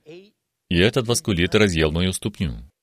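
A man's voice: deep voice, lively intonation, measured pace. A man in his eighties giving an earnest, emphatic religious testimony on a television studio program. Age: 80s. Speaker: guest giving a healing testimony.

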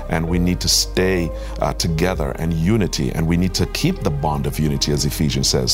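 A male pastor with a very low voice. He talks in an earnest, emphatic preaching cadence as he introduces his ministry and exhorts his listeners. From Trinidad and Tobago. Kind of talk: testimony and exhortation.

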